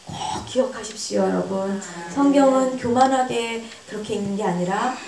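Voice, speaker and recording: A woman, a pastor's wife, preaching a sermon at a church seminar with earnest emphasis, acting out quoted voices with sudden high pitch jumps. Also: normal speed, creaky, a little mellow. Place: church hall. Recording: echoey church hall, voice from far off.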